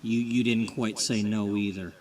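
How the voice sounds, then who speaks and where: A man's voice: lowish voice, steady tone, moderate pace, distant mic, natural voice. A man voicing an impatient, demanding woman client in a life-sim game story.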